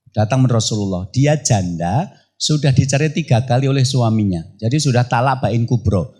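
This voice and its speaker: A middle-aged man giving a religious lecture as a preacher, talking in a lively way with wide swings in pitch. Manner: lively, swings pitch widely, mixes in Javanese phrases. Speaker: Islamic preacher.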